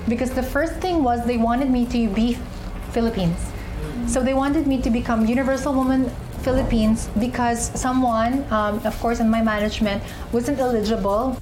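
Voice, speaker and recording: A young woman, an actress and pageant contestant, candidly recounting her personal journey in an interview, often pausing to find her words. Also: fairly high pitch, poor audio. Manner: candid, searching for words with fillers and restarts. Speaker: interviewee, actress and beauty queen. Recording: music bed underneath.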